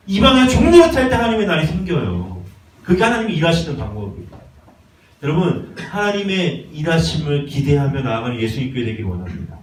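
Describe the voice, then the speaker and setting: A male pastor giving a sermon, swinging between loud exhortation and quiet pleading. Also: sits high. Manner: impassioned, swings from shouting to hushed pleading. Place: church sanctuary. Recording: echoey church from far off.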